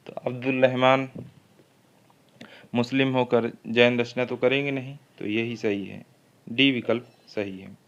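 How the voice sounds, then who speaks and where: A man's voice: medium pitch, steady tone, a little slow, long pauses, dull audio. A man teaching a Hindi literature exam-prep lecture, reading each question twice before going through the options and explaining the answer.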